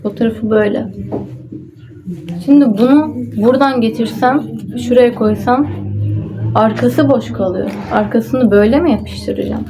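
A woman's voice: on the high side, measured pace, noisy background. A woman vlogging at home, talking to herself as she works on a papercraft project, muttering and sighing in exasperation. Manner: muttering and self-talk, exasperated sighs. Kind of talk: casual talking to herself while crafting.

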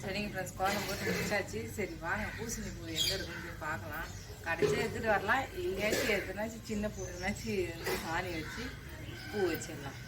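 A woman's voice: mid-range voice, a little fast. A young woman chatting casually with her viewers as she vlogs around a village home and street. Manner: chatty, addresses viewers as friends. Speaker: vlogger. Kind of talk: casual vlog narration. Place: outdoors at a village house and street. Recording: noisy outdoor phone recording.

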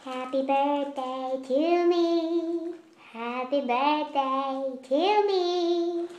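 A woman talking in a squeaky chipmunk voice from breathing helium, rambling and giggly in a casual vlog chat. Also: extremely slow, a little mellow, echoey room, dull audio, a little hiss or hum. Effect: helium-raised chipmunk voice.

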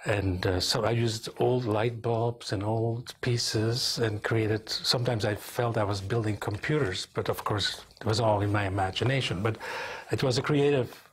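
Sitting at a desk in a small office, a deep-voiced Belgian engineer and company president in his 70s reflects on his past in an oral history interview. His intonation stays fairly even and his storytelling is slow and thoughtful, with small restarts, against slight background noise.

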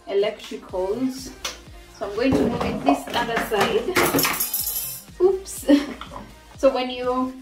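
A young woman from Tanzania casually reviewing a kitchen appliance at home, chatting and thinking aloud as she shows each part. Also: fairly high pitch. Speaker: cooking vlogger. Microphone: camera mic from a few feet away. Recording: roomy kitchen sound, mic at a distance. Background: background music.

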